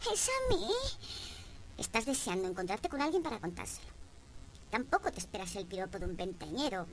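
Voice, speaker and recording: A woman with a Spain Spanish accent delivering a comic monologue in a wry, sarcastic storytelling manner. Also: mid-range voice. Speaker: comedian.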